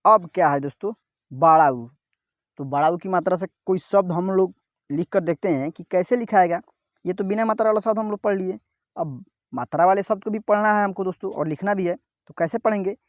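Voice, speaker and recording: Man slowly sounding out syllables. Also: high voice, no room sound, clean studio sound. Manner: repeats a friendly "what, friends?" and sounds out each syllable slowly. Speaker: teacher. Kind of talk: step-by-step Hindi reading lesson.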